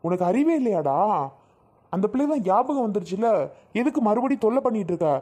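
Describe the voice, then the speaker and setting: A woman's voice: mid-range voice, lively intonation, fast, dark tone, natural voice. A woman voicing a protective young husband in a cartoon, who speaks bluntly and threatens. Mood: angry. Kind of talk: cartoon voice acting.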